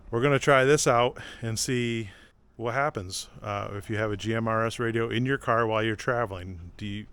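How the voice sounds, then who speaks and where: A man in his fifties hosts a vlog, talking casually and plainly to camera in an informal style. His voice sits on the low side with a fairly bright tone. He's filmed outdoors by a driveway and inside a car, with clear road and car noise.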